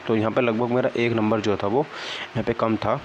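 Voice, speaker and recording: Speaking fairly quickly in a lowish, level voice, a young man explains things to his viewers in a relaxed, chatty way. He's an exam-prep vlogger who sounds let down and downcast, frequently checking in with "okay, right." The audio is lo-fi and dull, with a little background noise.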